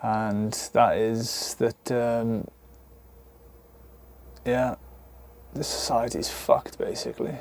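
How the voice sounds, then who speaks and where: A Welsh vlogger in his thirties from South Wales talks casually to camera inside his camper van, unscripted and rambling, with many ums, restarts and free swearing. His medium-pitched, darkish voice is flat and slow, with long pauses.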